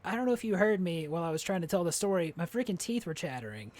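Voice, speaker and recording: A man's voice: high voice, very animated, fast talker, a little mellow. Rambling young streamer guy, casual. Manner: rambling, many filler words, laughs often. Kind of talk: casual chat. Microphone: streaming setup.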